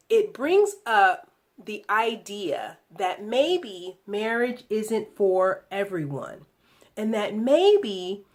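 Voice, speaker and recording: In a relationship video blog, a female host with a mid-range voice delivers a reflective, deliberate monologue full of emphatic phrasing.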